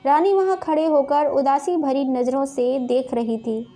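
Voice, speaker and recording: Woman, high voice, steady story narration, faint background music. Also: unhurried.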